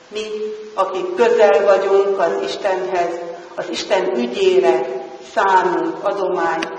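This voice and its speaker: A male pastor preaching a sermon in a measured, earnest manner. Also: sits high. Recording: distant mic, echoing church hall, hiss.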